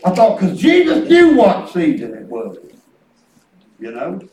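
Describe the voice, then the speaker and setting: Male preacher, fifties, rural Southern US twang, very high voice, excitable folksy storyteller; echoey room. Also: measured pace, slight background noise. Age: 50s. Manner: excitable, colloquial, chuckles through anecdotes. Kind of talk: folksy, rambling sermon with storytelling. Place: church hall with responding congregation. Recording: echoey church room, distant microphone.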